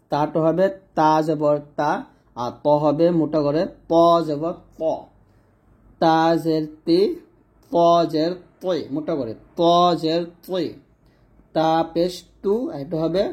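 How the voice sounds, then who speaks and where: Man, Quran pronunciation teacher, patient letter-by-letter lesson, mellow dark voice. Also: fairly high pitch. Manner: explains letter by letter, then slowly chants Quranic examples; checks in with "ঠিক আছে?". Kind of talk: online tajweed lesson.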